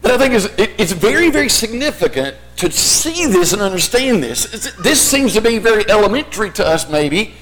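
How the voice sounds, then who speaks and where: Male preacher, high-pitched voice, explanatory sermon delivery with rhetorical questions. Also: sing-song, brisk, hardly any pauses, fairly bright tone. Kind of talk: sermon, teaching Bible basics point by point.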